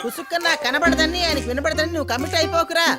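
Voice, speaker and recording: A woman playing a bossy old grandmother who scolds in a high, fast voice. Music runs clearly behind her on the film soundtrack. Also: lightly acted. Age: older. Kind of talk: film comedy acting.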